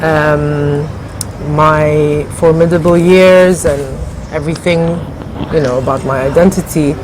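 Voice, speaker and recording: A middle-aged Ghanaian woman, co-founder of a café, answers interview questions thoughtfully and hesitantly, using many fillers. Her voice is low-pitched and steady in tone, and she speaks a little slowly. Noise fills the background of this conversational interview.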